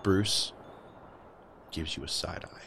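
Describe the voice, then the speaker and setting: A man narrating as game master of a tabletop game, in measured storytelling. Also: low voice, vocal fry, fairly bright tone, slight background noise.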